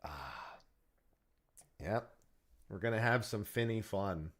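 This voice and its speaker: A man's voice: fairly low pitch, animated, takes it slowly, a bit bright. A man hosting a stream, talking casually in a group voice chat. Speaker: stream host.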